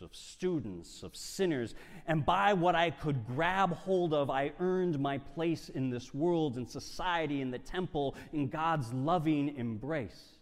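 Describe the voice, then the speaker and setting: A man performing a first-person dramatic monologue, swinging from hushed lines to loud bursts. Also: medium pitch. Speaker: storyteller. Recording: long hall reverb.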